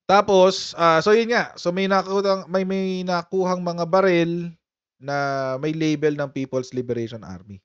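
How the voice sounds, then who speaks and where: A man with a slightly high voice hosts a chatty live-stream commentary, laughing often as he riffs to his viewers. The sound is dry and close, with a dull, muffled lo-fi quality. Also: measured pace, clear, resonant tone, no room sound. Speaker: political commentary host.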